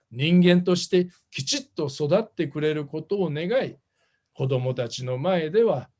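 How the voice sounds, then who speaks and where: An older Buddhist minister gives a dharma talk in a fairly high voice. He gently poses questions to the congregation and now and then drops into English. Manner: sometimes slips into English phrases. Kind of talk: dharma talk at a temple service.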